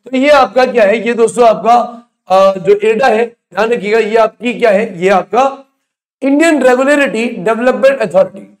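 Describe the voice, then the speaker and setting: Male exam-prep teacher with a high-pitched voice, blunt, answers his own quiz questions. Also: moderate pace. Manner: blunt, scolding students. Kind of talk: online exam coaching lecture.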